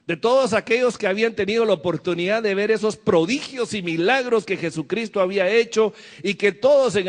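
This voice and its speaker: A man's voice: sits high, long reverb tail. A man preaching a sermon to his church, asking the congregation questions as he goes. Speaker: pastor.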